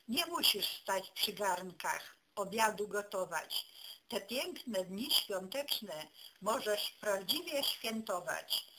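A woman recites folk poetry in a measured, declaiming way. Her voice sits at a middle pitch and she takes the verse slowly, pausing between phrases. There is some noise in the amateur recording. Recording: clearly noisy amateur recording.

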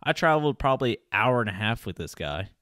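A man spins a work story in loose, swearing podcast chat and breaks into laughter often. His pitch swings widely through his lines. The sound is close and dry. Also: very animated, fast talker, fairly bright tone, dry recording. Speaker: podcast guest.

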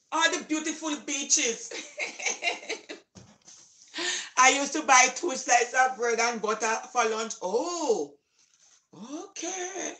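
An older Jamaican woman, a cooking vlogger, chats casually with her camera as she cooks in her home kitchen, her voice bright and high. She drifts into patois and laughs often. Her phone camera sits on the counter, and the kitchen adds an echo.

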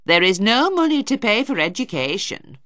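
Woman doing a stern no-nonsense aunt, firm, dry slow storybook read. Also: mid-range voice, sing-song, fairly bright tone, no room sound, pitched above the performer's own voice. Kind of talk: storybook reading.

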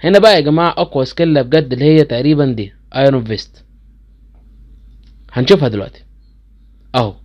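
Fast-talking Egyptian man explaining a game. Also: medium pitch, darkish tone, dull audio. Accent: Egyptian Arabic. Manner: chatty, addresses viewers directly, easily incredulous. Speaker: gaming channel host. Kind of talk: casual game commentary explaining skills.

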